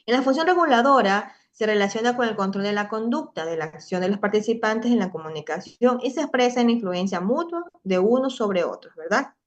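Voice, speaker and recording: A woman's voice: fairly high pitch, expressive, brisk, few pauses. Female teacher, middle-aged, explanatory lecture delivery with frequent check-ins; slightly lo-fi audio. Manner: explanatory, often tags ¿verdad?. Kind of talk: online class lecture.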